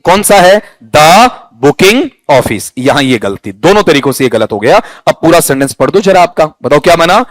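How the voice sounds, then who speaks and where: A man with a Rajasthani Hindi accent teaching English grammar to a class, quizzing students and reading sentences aloud slowly. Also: on the high side, expressive, no room sound, low-quality recording. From India. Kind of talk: classroom lesson.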